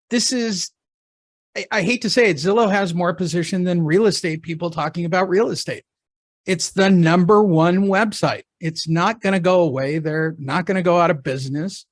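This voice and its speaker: A podcast host chatting casually, upbeat and quick to affirm. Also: medium pitch, dry recording, clean studio sound.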